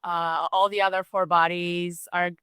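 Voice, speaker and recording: Woman guest from romania, bright smooth voice, chatting easy and thoughtful. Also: fairly low pitch, measured pace, no echo. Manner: relaxed, thoughtful, with restarts and small laughs. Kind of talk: casual conversational interview.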